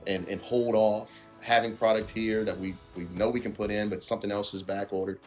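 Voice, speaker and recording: A man's voice: fairly low pitch, little pitch movement, fairly quick, soft background music. A man giving casual interview answers in a dry, understated way. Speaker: homeowner being interviewed.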